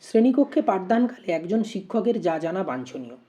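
Woman teacher, warm and mellow tone, methodical explainer who asks rhetorical questions before each answer. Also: mid-range voice, big pitch swings, a little fast, muffled recording. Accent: Bengali. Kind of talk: exam-prep lesson.

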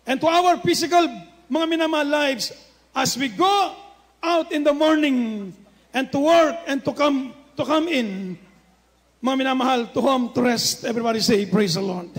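A man preaching in a strikingly high voice. He stresses each phrase and urges the congregation to answer amen. Measured stretches swell into fervent, almost shouted passages. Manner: emphatic, repeatedly calls the congregation to say amen; switches between measured speech and fervent near-shouting. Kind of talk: sermon.

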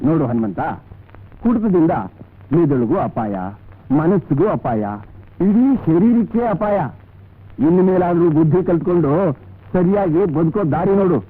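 An actor playing a calm village doctor who reassures patients and lectures firmly about drinking, in a radio drama. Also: male voice, high voice. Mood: stern. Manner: steady, lecturing, measured advice. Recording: tinny lo-fi audio.

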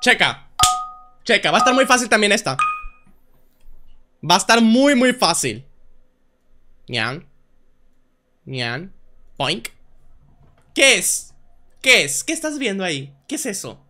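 A young man, streaming a drawing game in a bright, high voice that is very clear and forward. He talks casually and teasingly and shouts the answers with excitement. Keyboard typing can be heard faintly in the background. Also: moderate pace, pauses often. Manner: playful, teasing, shouts guesses.

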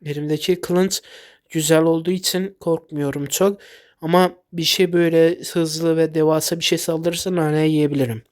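A man giving casual gameplay commentary while sick, excitable and quick to blurt out short exclamations. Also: fairly high pitch. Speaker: gaming YouTuber.

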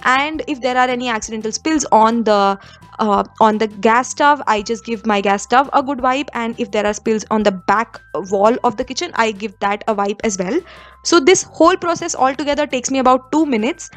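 A woman's voice: on the high side, normal speed, soft background music. A young woman from India giving kitchen cleaning tips in a conversational voice-over, with frequent fillers and restarts. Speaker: home vlogger.

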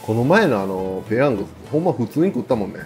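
A man with a Kansai accent talks casually as he eats with a companion. His delivery is quick and his pitch moves around in an animated way. He banters and laughs readily, with faint music behind him. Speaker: food challenge video co-host. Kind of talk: casual chat while eating ramen.

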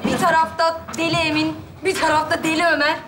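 A woman's voice: extremely high pitch, monotone, fairly quick, music in the background. A woman performing live sketch comedy on stage, exasperated and scolding. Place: theater stage before a live audience. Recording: echoey theater stage with audience.

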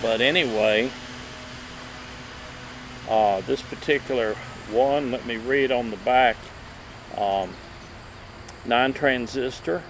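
A man in his fifties, a vintage radio collector and video host, gives a casual show-and-tell at an outdoor table in a wooded yard, halting and dwelling on his words. His voice is medium-pitched, picked up by a camera a few feet away, with steady outdoor background noise.

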